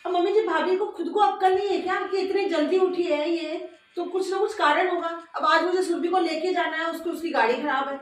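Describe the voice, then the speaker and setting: A woman's voice: very high-pitched, fairly even intonation, fairly quick. A woman playing a proud, complaining younger daughter-in-law with a job in a home family skit. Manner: sharp, complaining. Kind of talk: amateur home drama acting. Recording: very echoey room, distant mic, faint music.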